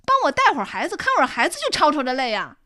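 A scornful, nagging old mother with a sarcastic bite, as a woman reader puts her on. The voice sits lower than the reader's own and swings widely in pitch. The recording is close and dry, with no room sound. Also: huge pitch swings, very fast, bright, forceful tone, dry recording, heavily acted. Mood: scolding. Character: sharp-tongued elderly mother, scornful and nagging. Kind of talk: audiobook character reading.

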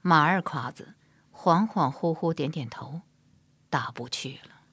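A woman narrates a historical novel in a measured, soft-spoken way. Her voice sits low and husky, and she takes her time. The recording is close and dry. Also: dry recording. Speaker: audiobook narrator.

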